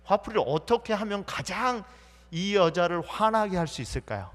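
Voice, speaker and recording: A man's voice: high-pitched, expressive, normal speed. A man pastor preaching a sermon, asking the congregation questions and answering them himself, acting out the people in the story. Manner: acts out quoted speech of the story's people. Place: church sanctuary. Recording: church hall reverb.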